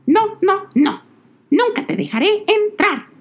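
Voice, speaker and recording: A man voicing the eldest girl piglet in a storybook, high and sing-song. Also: very animated, takes it slowly, exaggerated voice. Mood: cozy.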